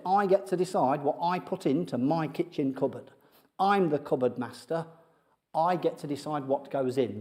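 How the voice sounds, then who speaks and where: A man giving a conversational sermon to a congregation, joking about himself and often pausing with fillers. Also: fairly high pitch, a little mellow. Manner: humorous, self-deprecating, many fillers. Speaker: preacher. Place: church sanctuary with congregation.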